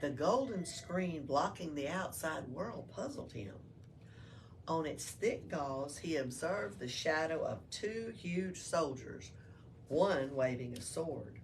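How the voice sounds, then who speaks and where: A library storyteller reads to children from a storybook, her voice sitting low with lively intonation and a slow delivery. The recording comes from a distant room mic indoors, with a little background noise audible.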